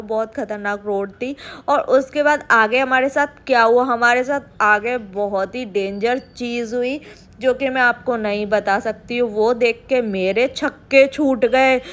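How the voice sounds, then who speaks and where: A woman narrating a travel vlog voice-over, talking quickly in long run-on breaths with a lively, emotional storytelling manner. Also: a little high. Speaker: travel vlogger.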